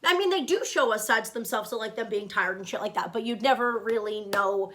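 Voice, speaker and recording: A woman co-hosting a casual reaction video, gushing and excitable with lots of fillers. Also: on the high side, brisk.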